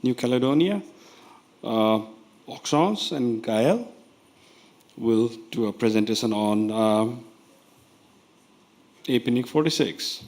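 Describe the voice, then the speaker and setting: A man from Nepal chairing a conference session, introducing the next speakers with many pauses. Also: medium pitch, a little mellow. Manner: hesitant, many fillers.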